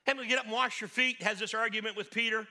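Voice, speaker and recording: Animated high-voiced male preacher. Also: fast. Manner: animated, acts out Bible scenes in voices. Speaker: pastor. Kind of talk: sermon.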